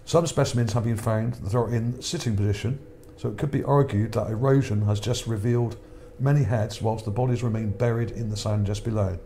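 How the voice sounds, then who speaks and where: Talking a little fast with few pauses, a channel host rambles over pictures while reading his article. His low, warm voice is wearing out, he repeats words and checks in with "okay?", and a bit of hiss sits underneath.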